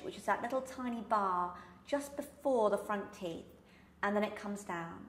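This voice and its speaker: A woman's voice: mid-range voice, a bit bright. A woman with a British accent giving an instructional pronunciation lesson, enunciating carefully and stressing example words. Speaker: pronunciation coach. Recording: echoey room.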